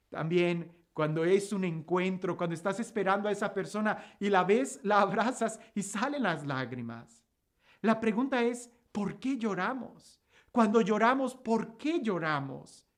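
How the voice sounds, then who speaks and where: Her voice on the high side, a woman offers a gospel reflection in the manner of a sermon, repeating rhetorical questions and alternating between forceful lines and quiet, gentle ones.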